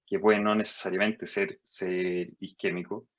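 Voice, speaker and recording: A man lectures as a doctor in a low, measured voice. He walks through the material step by step and jumps higher in pitch to stress key points. The recording sounds dull and lo-fi. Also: flat delivery. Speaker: physician lecturer. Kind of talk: medical lecture over slides.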